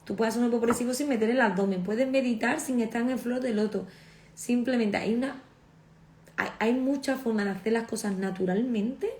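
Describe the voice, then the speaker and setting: A woman therapist speaking conversationally about natural health, animated and acting out the voices of her patients. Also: fairly high pitch, a little fast, reverberant. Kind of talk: casual conversational talk.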